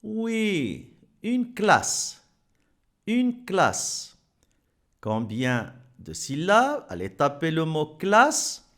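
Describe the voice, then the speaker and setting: A man's voice: on the high side, huge pitch swings, very slow, a bit bright. A man teaching French to young children, patiently repeating words and clapping out their syllables. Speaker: primary school French teacher.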